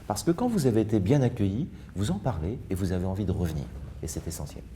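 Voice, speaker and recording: A man speaks as a guest on a panel debate. His voice sits low and sounds very dark. He explains at length, often pausing and restarting his phrases. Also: expressive, slight background noise. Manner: hesitant, many restarts, explanatory. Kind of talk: panel discussion.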